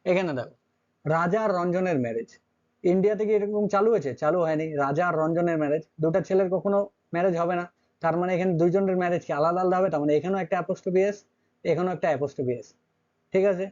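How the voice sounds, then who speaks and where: A man's voice: sits high, very fast, darkish tone, dull audio. A man teaching an English grammar lesson, constantly checking with his students through short questions.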